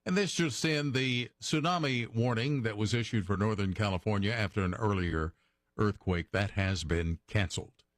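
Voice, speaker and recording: A man's voice: lowish voice, normal speed, no room sound, clean studio sound. An American man anchoring a scripted radio newscast. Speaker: news anchor.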